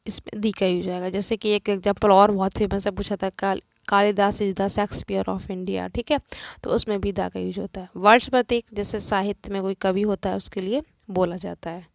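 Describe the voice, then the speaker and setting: A woman's voice: mid-range voice, fairly even intonation, fairly quick, no echo. A woman teacher working through a grammar lesson, explaining each answer step by step and asking and answering her own questions.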